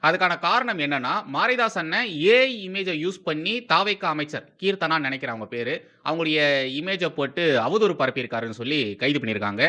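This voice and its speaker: Man, high bright voice, sarcastic political commentary, mocking, repeats himself. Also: animated, a little fast.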